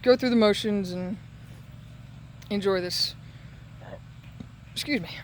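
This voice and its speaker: A man talking casually and haltingly in a solo update while recovering from surgery with a sore throat. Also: high-pitched, slight background noise. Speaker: patient giving a recovery update.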